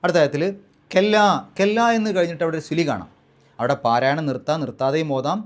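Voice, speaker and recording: A man teaching Quran recitation rules in a patient, step-by-step way, slowly drawing out the recited words as examples. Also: a little high, expressive.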